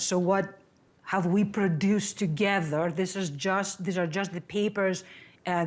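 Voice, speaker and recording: Friendly woman from Greece giving seminar. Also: on the low side. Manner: friendly, conversational, with fillers and restarts. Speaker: seminar speaker, professor. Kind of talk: academic seminar talk. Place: lecture room, standing at a podium.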